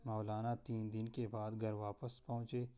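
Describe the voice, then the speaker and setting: A man narrating a devotional story in a solemn, measured way. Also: fairly low pitch, little pitch movement, mellow, clear, resonant tone.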